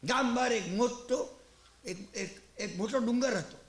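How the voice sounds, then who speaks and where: Man giving a sermon, gravelly high voice, echoey room, acts out the story. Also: a little slow. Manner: animated storyteller acting out characters. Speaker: Jain preacher.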